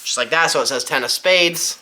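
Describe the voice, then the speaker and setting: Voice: mid-range voice, brisk, sharp tone, low-quality recording. A presenter giving a casual, step-by-step magic tutorial, informally thinking aloud while demonstrating by hand.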